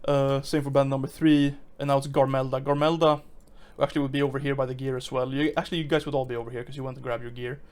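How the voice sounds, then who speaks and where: A man's voice: mid-range voice, little pitch movement, racing, hardly any pauses, darkish tone, clear, resonant tone. A man running a tabletop game as game master, talking casually with frequent fillers, restarts and chuckles.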